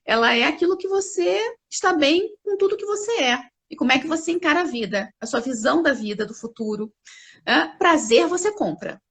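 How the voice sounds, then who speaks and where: A woman speaking as a company CEO guest in a live interview, explaining ideas with animated examples. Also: high-pitched, fairly quick. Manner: animated, acts out examples with lively voices.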